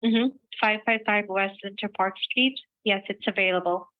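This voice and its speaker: A woman receptionist speaks over a landline phone, polite and hesitant, filling her answers with ums and uhs. Her voice comes through a thin, tinny phone line with no room sound at all, and sits at a middling pitch. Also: moderate pace, no echo. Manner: polite, hesitant with many fillers. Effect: heard over a landline phone line. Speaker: real estate office receptionist. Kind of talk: business phone call.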